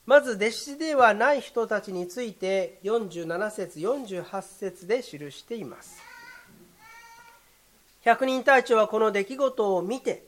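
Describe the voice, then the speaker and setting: A pastor delivering a sermon in a measured, formal way, with occasional short fillers. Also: mid-range voice, expressive.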